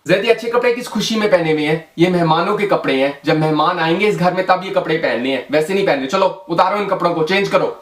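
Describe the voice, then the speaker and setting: A sarcastic, scolding Pakistani mother, as a man puts her on, nagging in a high voice. The sound is distant and echoey, as in a home-shot sketch. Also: fairly even intonation, fairly quick, lightly acted. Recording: roomy, slightly distant home video.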